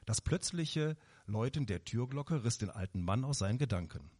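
A man calmly reading a children's story aloud. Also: medium pitch, normal speed, breathy edge.

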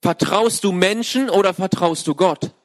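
A man interpreting a sermon live into German, speaking quickly with frequent restarts and corrections. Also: high voice.

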